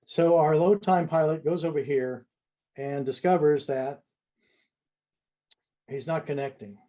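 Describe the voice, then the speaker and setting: A man's voice: fairly high pitch, a little slow, dark tone, highs cut off. A man giving an indoor seminar as a flight safety instructor, folksy and emphatic with rhetorical asides while drawing on a board.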